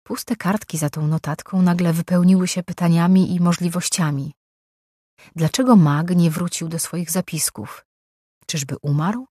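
Low-voiced woman narrating an audiobook. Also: breathy edge, dry recording, clean studio sound. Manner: calm, measured reading.

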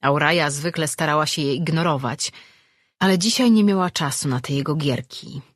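An audiobook narrator reading a fantasy novel in a steady, measured way, in a dry studio recording. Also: mid-range voice, no echo.

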